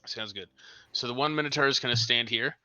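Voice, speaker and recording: A man running a tabletop game as game master, easygoing and quick to acknowledge players. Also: medium pitch, pushed and bright, dry recording, highs cut off. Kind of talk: casual tabletop game chat.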